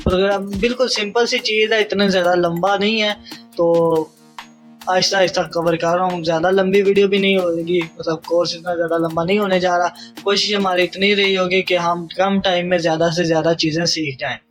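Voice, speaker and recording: A young man with a Pakistani Urdu accent leads a screen-recorded coding lesson. His voice sits fairly high and he goes step by step, dropping in English technical terms and stopping to check understanding. Faint music plays under the narration. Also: fairly even intonation, a bit bright. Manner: explanatory, repeats "theek hai?" to check understanding, mixes English coding terms. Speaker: programming teacher.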